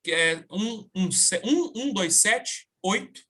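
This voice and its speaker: Mineiro dude telling a story, bright sharp voice, acting out all the quotes. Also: male voice, sits high, slow pace, slightly rough. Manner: animated, acts out quoted dialogue. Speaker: lawyer guest. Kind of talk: casual anecdote and legal explanation.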